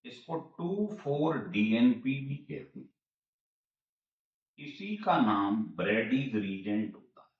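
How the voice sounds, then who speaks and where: A man with a mid-range, expressive voice gives a slow chemistry lecture in class, going over each step repeatedly and posing questions he then answers himself. He's a chemistry teacher, and the recording sounds roomy, distant and dull.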